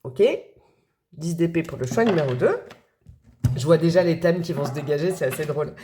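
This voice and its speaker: A woman's voice: low voice, a little fast, dark tone, a little hiss or hum. A woman giving a casual tarot reading to her viewers, talking in a friendly, hesitant way with many fillers and restarts. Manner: friendly, addresses viewers directly. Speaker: tarot reader.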